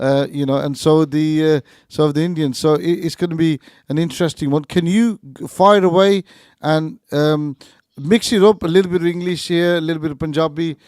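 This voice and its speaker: A man's voice: on the high side, steady tone, fairly quick, a little mellow, no room sound, clean studio sound. A man co-hosting a live radio show in casual chat, hesitant and often repeating his words and phrases. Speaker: radio co-host.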